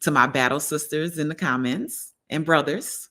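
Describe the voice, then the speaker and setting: This wellness livestream host, a middle-aged woman from New Orleans, has a deep, somewhat bright voice and a moderate pace. In a conversational way she addresses her viewers directly, checking in often to see if they agree.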